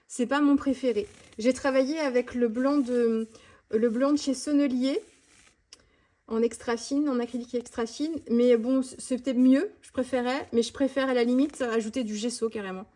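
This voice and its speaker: A woman vlogger chatting fast and casually about her art supplies, with many fillers and restarts. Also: a little high, darkish tone. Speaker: mixed-media art vlogger. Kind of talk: casual tutorial chat showing art supplies.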